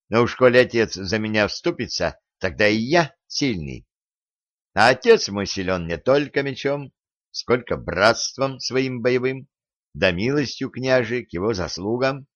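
A man's voice: on the low side, a bit bright, no echo. A man voicing an arrogant, quarrelsome teenage boy in an audiobook, speaking haughtily and sharply. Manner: haughty, quarrelsome, raising his voice. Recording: dull lo-fi recording.

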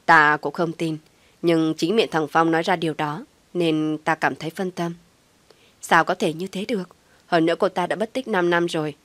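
A woman's voice: deep voice, steady tone, moderate pace, a bit bright, no room sound. A woman voicing a stern, controlling older mother who speaks firmly and insistently.

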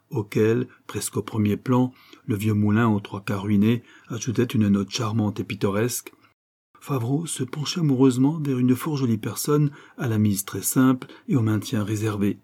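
Husky, dark-voiced male audiobook narrator. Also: lowish voice. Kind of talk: reading a novel aloud.

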